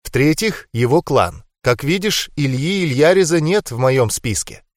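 A man reading an audiobook, voicing a composed, serious young goddess in a calm, measured, softly serious way. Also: a little high, no echo, studio quality.

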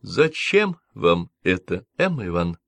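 A man voicing a calm male ghost who speaks quietly and evenly. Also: sits low, moderate pace, vocal fry, dry recording, full character voice. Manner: level, quiet, tired. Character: calm man's ghost, a shadow of the dead.

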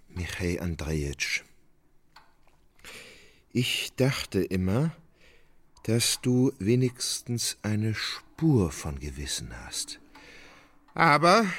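An actor playing an idle, gentle landowner who speaks in a slow, measured way and flares into anger, in a radio drama. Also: male voice, medium pitch, full character voice. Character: idle gentle landowner roused to anger, middle-aged man.

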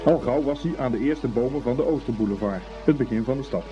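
Telling a scripted tale for a Dutch radio play, this mid-range male voice takes its time and leans into an expressive storytelling style. Faint music sits behind a dull, old-radio sound.

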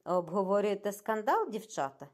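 Woman voicing a probing middle-aged detective, calm, pointed questions, audiobook. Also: medium pitch, normal speed.

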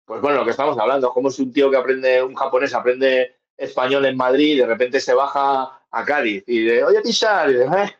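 A man's voice: medium pitch, steady tone, a little fast, few pauses. A man who is a guest in a podcast chat, laughing often and explaining at length. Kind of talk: casual chat. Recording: dull remote audio.

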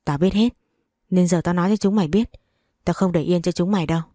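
A woman's voice: on the low side, quick pace, dark tone, no room sound, clean studio sound, natural voice. A woman voicing a furious, betrayed wife who curses and scolds harshly.

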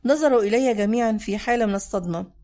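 A woman narrating a dramatic audiobook in the first person, measured and intense. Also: fairly high pitch, warm tone.

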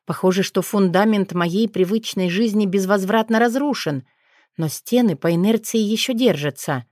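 A woman narrating a first-person fantasy audiobook, expressive and lifting her voice for the heroine's lines. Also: mid-range voice, normal speed, no echo, studio quality.

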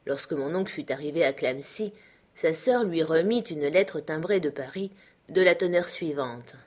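A woman narrating a classic novel at a measured, even pace. Her voice sits a little low, and her reading is careful and literary. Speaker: audiobook reader. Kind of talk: scripted narration.

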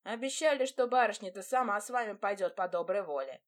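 A woman reading an audiobook, voicing a gruff peasant boatman who speaks in a blunt, rustic way. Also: mid-range voice, lively intonation, brisk, lightly acted. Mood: grumbling.

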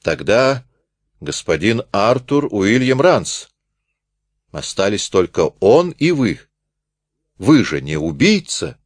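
A man's voice: fairly low pitch, very animated, takes it slowly, pauses often, no room sound, studio quality, heavily acted. A man voicing a stern, impatient presiding judge who presses with insistent questions. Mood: demanding.

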